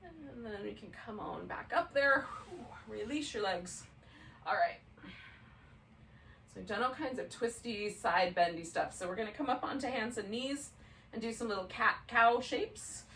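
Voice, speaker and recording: Woman, yoga instructor, relaxed chatty class guidance, laughs easily, distant mic. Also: fairly high pitch, unhurried, a little hiss or hum. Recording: roomy sound, mic at a distance.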